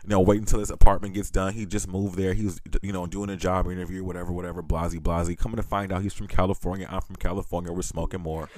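A man's voice: sits low, level tone, fast talker, hardly any pauses, a little mellow, slight background noise. A man from Washington, D.C. hosting a podcast, telling a crude story with candid, comic storytelling and frequent laughter. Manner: crude, laughs often, chatty. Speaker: podcast host. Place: studio.

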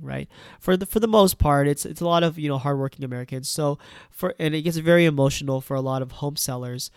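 A man's voice: on the high side, vocal fry, clean tone, no room sound, studio quality. A man who works in real estate, sounding stuffed up from a cold, gives casual advice and keeps checking in with "right?" and "you know.". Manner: conversational, tags points with "right?" and "you know". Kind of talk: casual advice talk to camera.

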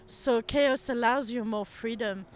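A woman's voice: on the high side, a little slow, slight background noise. A woman answering questions in a street interview outdoors in a city. She talks thoughtfully and sometimes searches for words.

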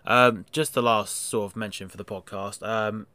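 A man's voice: lowish voice, fairly even intonation, normal speed, pushed and bright, smooth, no room sound. A man hosting a motorsport podcast, joking and bantering with his co-hosts. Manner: jokey, banters and trails off. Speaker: podcast host. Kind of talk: casual chat.

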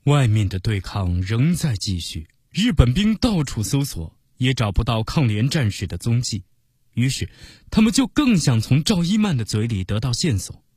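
Lively man telling a children's story. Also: medium pitch, normal speed, slightly rough, no echo, clean studio sound. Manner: expressive, lively narration.

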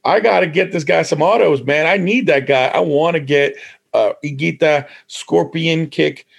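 A man's voice: fairly high pitch, normal speed, creaky. A man hosting a casual podcast interview, talking in a breezy, slangy way and calling people "bro" and "man". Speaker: podcast host.

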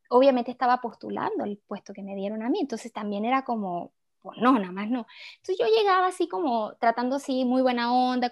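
Lady guest, high pitched, chatty and lively, lots of little fillers. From Chile. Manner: animated, chatty, many fillers like "¿no?" and "o sea". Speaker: interview guest. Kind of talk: conversational storytelling.

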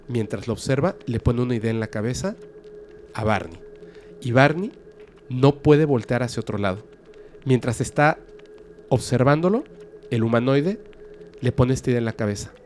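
A man telling a dramatic story in a suspenseful, lively way. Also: mid-range voice. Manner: lively, suspenseful, with sudden loud bursts.

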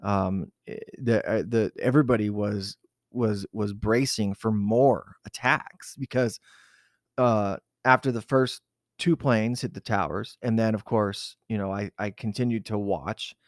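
In a clean, echo-free studio recording, a man from southern Arizona with a lowish, fairly even voice recalls a personal memory at a measured pace. It's an unscripted oral-history interview, and he's hesitant and reflective, with many fillers and restarts.

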